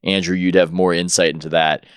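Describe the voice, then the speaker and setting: A man, a guest writer on a casual podcast, telling an animated story. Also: low-pitched, brisk, smooth, no room sound, clean studio sound.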